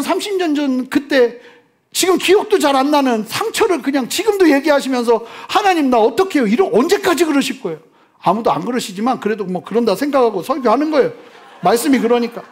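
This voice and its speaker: A middle-aged man preaching a sermon as pastor, swinging from loud exclamations to hushed near-whispers. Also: very high-pitched.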